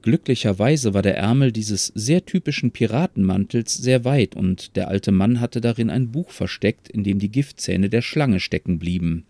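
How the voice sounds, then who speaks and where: A man narrates a story in a calm, measured way. His voice sits a little low, and the recording is close and dry, with no room around it. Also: dry recording.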